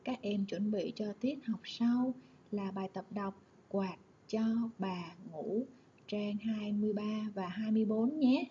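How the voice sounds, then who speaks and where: Mellow-voiced woman teaching children. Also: medium pitch, unhurried, muffled recording, slight background noise. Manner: warm, clear and instructive, addressing children. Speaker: primary school teacher. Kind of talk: online lesson narration.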